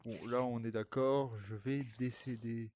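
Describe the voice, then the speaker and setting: A man's voice: mid-range voice, level tone, measured pace, darkish tone, slight background noise. Young guy rambling at his viewers while gaming in vr, swears a bunch. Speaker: streamer playing a VR game. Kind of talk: casual gaming commentary.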